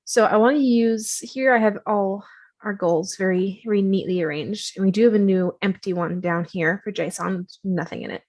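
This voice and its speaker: A woman casually walking viewers through a software tutorial on her screen, chatty and self-deprecating, with many fillers. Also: medium pitch, normal speed.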